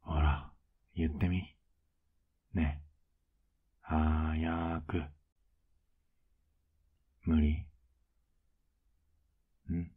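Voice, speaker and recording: Whispered role-play, male voice actor as a doting older boyfriend: husky, very low, flat and coaxing. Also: drawn-out words, long pauses, phone-quality sound, exaggerated voice. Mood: teasing tender. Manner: teasing, soft-spoken, coaxing.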